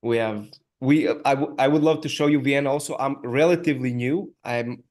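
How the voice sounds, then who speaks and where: Halting Serbian-accented man hosting. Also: mid-range voice, darkish tone. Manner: halting, many restarts and fillers. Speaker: podcast host. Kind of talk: casual interview chat.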